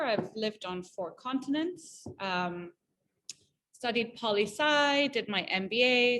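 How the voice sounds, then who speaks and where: A Malawian entrepreneur in her thirties chats as a guest in a casual interview, upbeat and talkative, with lots of fillers and restarts. Her voice is medium-pitched with a fairly bright tone.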